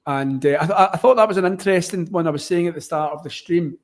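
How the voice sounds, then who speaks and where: Scottish guy w a thick broad accent chatting thru live tennis, slightly high voice, rambly and restarts sentences. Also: quick pace. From Scotland. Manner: hesitant, wordy, often rewording mid-sentence. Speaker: watchalong stream host and commentator. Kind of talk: casual live tennis commentary and chat.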